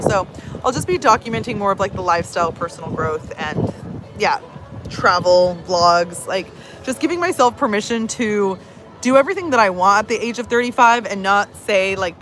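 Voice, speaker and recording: This thirties-aged woman, a personal growth coach, speaks in a mid-range voice with a noisy background. She's casual and chatty on camera, full of fillers, and reads comments out loud.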